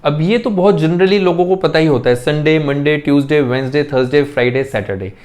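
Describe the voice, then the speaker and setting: A man teaching English pronunciation in an online lesson. He explains in Hindi mixed with English and says example words slowly, repeating each one. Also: on the high side, darkish tone.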